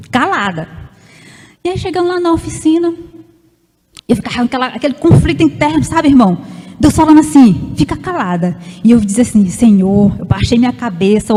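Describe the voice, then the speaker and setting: Woman preacher, high voice, animated storyteller, church hall reverb. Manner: animated, chatty, laughing asides, acts out dialogue. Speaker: missionary preacher. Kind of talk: sermon testimony storytelling.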